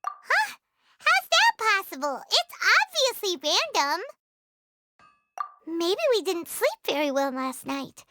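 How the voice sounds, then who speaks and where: A woman voicing a small, excitable, childlike female fairy companion in a video game, given to exclaiming. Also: very high voice, slow, long pauses, background noise, full character voice. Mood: amazed. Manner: talks about self in third person, exclaims. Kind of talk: video game character acting.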